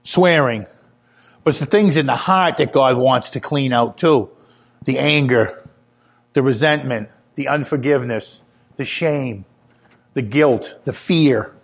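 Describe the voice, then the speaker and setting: A man giving a sermon, earnest and personal, telling his own testimony and growing louder and higher when he stresses a point. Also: unhurried. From Italian heritage. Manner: earnest testimony, rises in pitch when emphatic. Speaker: preacher.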